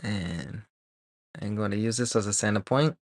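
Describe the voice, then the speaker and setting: A man from Barbados, streaming live as a 3D artist, chatting casually and thinking aloud with many pauses and fillers while he works. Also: on the low side, no room sound, clean studio sound. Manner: relaxed, rambling, thinks aloud with many ums.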